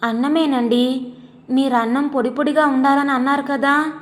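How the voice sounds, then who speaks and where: A frightened young wife answers softly and hesitantly in an audio storybook, as a woman reads her. Her voice is high and careful. Long reverb hangs behind her. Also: steady tone, normal speed, close to an everyday voice. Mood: timid. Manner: fearful, hesitant.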